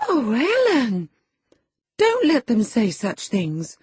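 A woman's voice: fairly high pitch, wildly swooping pitch, measured pace, slightly rough, no echo, voice pushed up, exaggerated voice. A woman voicing a spoiled, haughty young girl with a demanding, indignant manner in an audiobook. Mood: tearful distress. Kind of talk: dramatised audiobook character.

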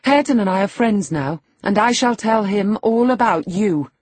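A narrator voicing a reckless, sharp-tongued young woman, pert and taunting, in an audiobook. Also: mid-range voice, steady tone, measured pace, breathy edge, no room sound.

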